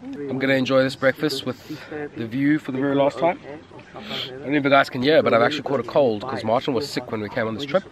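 A man's voice: medium pitch, steady tone, fast, crowd noise. A man in his thirties with a South African accent, chatting casually to a handheld camera outdoors. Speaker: vlogger. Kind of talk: casual vlog chat. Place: outdoors by river and roadside. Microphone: handheld camera at arm's length. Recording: noisy outdoor wind and vehicle sound.

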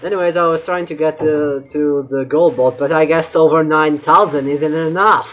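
High-voiced man commentating on a game. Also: steady tone, normal speed, fairly bright tone, dull audio. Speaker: let's-play host. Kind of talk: casual gameplay commentary. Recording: game music behind. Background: video game music.

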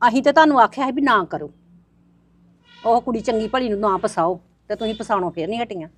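A woman's voice: a little high, a bit bright. A woman acting a blunt middle-aged village woman who accuses and argues. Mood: accusing. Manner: fast, accusing, argumentative. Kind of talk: web drama acting.

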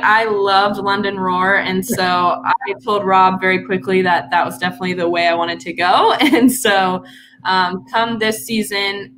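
A woman's voice: medium pitch, noisy background. A young woman from Canada, a guest swimmer, chatting casually with lots of fillers and easy laughter. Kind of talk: casual chat.

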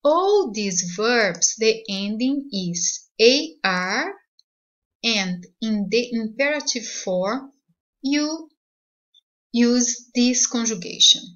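Slow, deliberate woman language teacher. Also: fairly high pitch, lively intonation, fairly bright tone, lo-fi sound. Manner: clear, deliberate, repeats each example twice. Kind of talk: slow bilingual language lesson.

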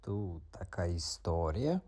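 Low, slow, growling tomcat with a puffed-up noble air , as a man voices him. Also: big pitch swings, warm tone, full character voice. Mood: gruff, proud. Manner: growling, slow, drawn-out threats. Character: proud, grumpy tomcat, noble and blustering.

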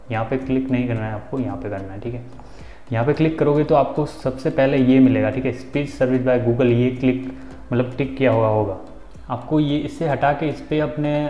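A man in his twenties with an Indian accent hosts an informal, step-by-step phone tutorial, frequently checking that the listener is keeping up. His mid-range voice is warm, and the small indoor room gives a roomy echo, dull sound and faint music.

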